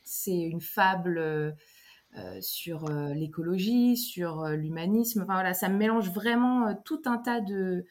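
A woman, a book editor, speaking as a guest in a podcast interview and pausing often to search for words. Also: on the low side, a little mellow. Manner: hesitant, full of fillers and restarts.

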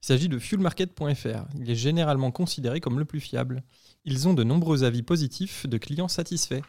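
A man playing a polite AI voice assistant, speaking in a formal, measured, half-robotic way. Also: medium pitch, gravelly, a little mellow, close to an everyday voice. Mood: formal helpful. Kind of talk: role-play on a podcast.

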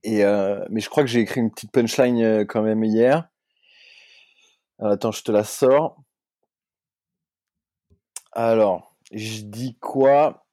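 A man's voice: on the low side, steady tone, slow pace, pauses often, dark tone, dry recording. A man co-hosting a comedy podcast, chatting casually, laughing often and repeating his words. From Corsica and mainland France. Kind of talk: casual chat.

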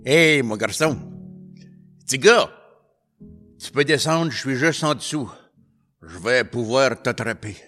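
A man's voice: medium pitch, animated, slow, long pauses, a bit bright, big-room sound, soft background music, pitched above the performer's own voice. A man with a Québécois accent voicing a kindly rescuer in a storybook recording, calling out reassuringly. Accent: Québécois French.

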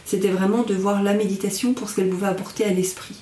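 A woman's voice: medium pitch, steady tone, mellow. Echoey, distant woman explaining reflectively. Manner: reflective, halting, searching for words. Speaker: mindfulness instructor and guest. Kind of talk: explanatory conversational interview. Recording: echoey room, distant from microphone.

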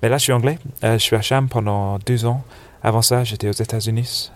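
A man in his forties from England, speaking with an English accent, chatting casually as a podcast guest, relaxed, with lots of fillers. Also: medium pitch, brisk. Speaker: snowboard shop buyer, podcast guest. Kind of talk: casual interview chat. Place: dark corner of a trade fair hall, on a sofa.

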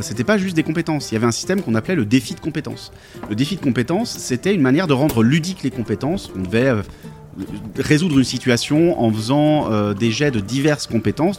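A man's voice: mid-range voice, darkish tone. A man talking casually about tabletop role-playing games, thoughtful and hesitant with many fillers.

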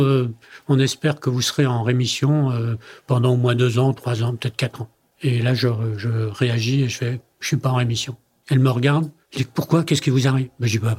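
A man's voice: medium pitch, darkish tone, husky. An older man, a company president interviewed as a guest, tells personal stories in conversation and acts out the dialogue he quotes.

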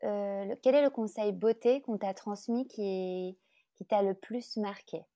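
A woman's voice: mid-range voice, fairly even intonation, measured pace, mellow. A woman interviewing a guest casually, putting her questions tentatively and rephrasing them as she goes.

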